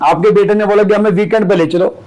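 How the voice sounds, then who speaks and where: A man's voice: high voice, fairly even intonation, fast talker, a little mellow, poor audio. A man speaking as an astrologer guest on a podcast, explaining steadily with everyday examples from family and school life.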